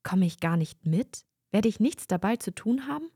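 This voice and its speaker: A woman's voice: mid-range voice, expressive, normal speed, mellow, slightly rough, no echo, clean studio sound. A woman voicing an anxious, longing young fir tree, speaking its wondering thoughts in a storybook reading. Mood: wistful. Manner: wondering, hopeful inner thoughts.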